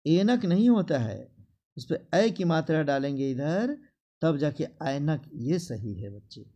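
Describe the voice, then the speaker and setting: A male teacher with a Bihari Hindi accent drills spelling in a classroom. He speaks slowly in a somewhat high, mellow voice. He repeats each word patiently to his students. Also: sing-song, highs cut off. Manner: slow, repetitive, drilling words with students.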